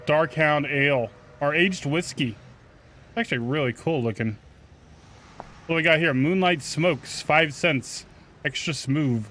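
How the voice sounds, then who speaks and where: This man, a gaming YouTuber, has a fairly high and slightly bright voice, with a little background noise and game music playing behind him. He swears, uses slang, and answers the characters on screen as he casually narrates his play.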